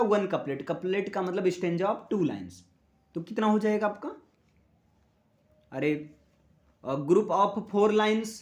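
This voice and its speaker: Guy teaching poetry, high voice, reads english lines real slow then explains. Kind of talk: classroom-style lecture mixing Hindi and English.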